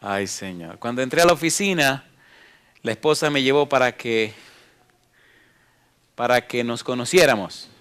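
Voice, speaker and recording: Pastor guy preaching, keeps asking the crowd yes or no, smooth clear voice, mid pitch. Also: animated, normal speed, pauses often, a bit bright. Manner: rhetorical questions to the congregation, storytelling. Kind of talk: sermon.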